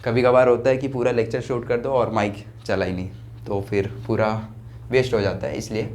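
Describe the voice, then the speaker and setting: A man's voice: lowish voice, flat delivery, moderate pace, a little mellow, slight background noise. A young man teaching a physics lecture for exam prep, often repeating key words back as questions and mixing English terms into Hindi. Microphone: own mic, checked during lecture.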